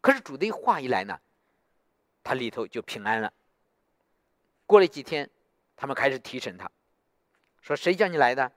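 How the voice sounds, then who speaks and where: A man's voice: medium pitch, moderate pace, pauses often, no echo, clean studio sound. A man preaching a sermon, telling a story and often asking the listeners to agree. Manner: animated, asks listeners for agreement.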